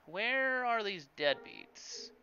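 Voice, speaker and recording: Guy reading a plain game hero's lines, flat matter-of-fact, bright voice. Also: high-pitched, extremely slow, clean tone, lo-fi sound, pitched above the performer's own voice, full character voice.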